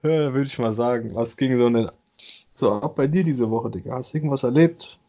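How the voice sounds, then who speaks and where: A man's voice: medium pitch, fairly quick, mellow. Young man, casual reactive co-host, slightly dull internet-call audio. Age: young adult. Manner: slangy, reactive. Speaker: podcast co-host. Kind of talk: casual chat.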